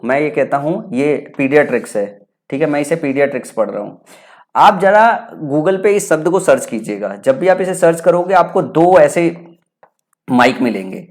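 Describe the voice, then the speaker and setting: A man's voice: on the high side, darkish tone. A young man with a Bihari accent teaching English vocabulary for an exam, explaining terms and repeating them, often asking a question and then answering it himself. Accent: Bihari Hindi. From Bihar, India. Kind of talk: exam prep lecture.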